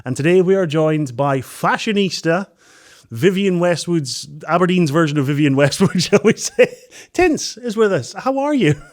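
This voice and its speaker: A man hosting an interview podcast, energetic and excitable, chatting casually and laughing often. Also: high-pitched, normal speed, dry recording, studio quality. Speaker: podcast host.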